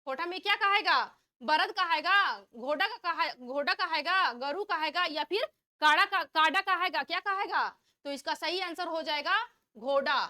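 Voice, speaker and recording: A woman teacher runs an exam-prep vocabulary lesson in a high, bright voice. She reads out the answer options and asks each question twice before she gives the answer. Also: a little slow. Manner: reads out multiple-choice options.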